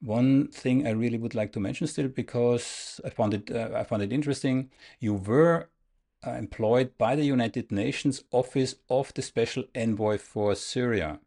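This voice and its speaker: Before turning to his guest, a Dutch political interview host speaks earnestly and emphatically to his viewers. He has a dark, mid-range voice and talks at normal speed.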